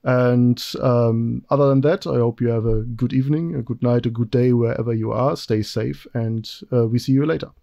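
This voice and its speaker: A man's voice: medium pitch, fairly even intonation, moderate pace, gravelly, few pauses, dark tone, dry recording, dull audio. A man with a German accent, a German native speaker, hosting a casual interview and talking with many ums and restarts over a video call. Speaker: host.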